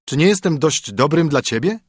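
A man's voice: fairly high pitch, expressive, normal speed, breathy edge, no room sound, studio quality, pitched above the performer's own voice. A man voicing a poor wandering minstrel in a storybook reading, with a sly, chanting delivery. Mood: teasing.

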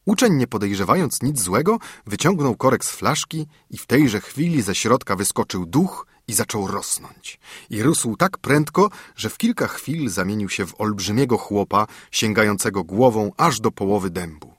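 A man narrating a fairy tale in an expressive, lively reading. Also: fairly low pitch, normal speed, slightly rough, dry recording, clean studio sound. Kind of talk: storybook narration.

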